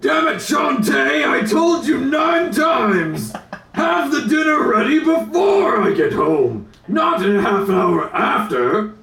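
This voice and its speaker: A man puts on a pompous, bellowing lord who shouts slow, high, gravelly commands. The voice booms through a bongo drum and sounds echoey and distant, with chatter behind it. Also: very animated, full character voice. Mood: ranting. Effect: yelled into a bongo drum.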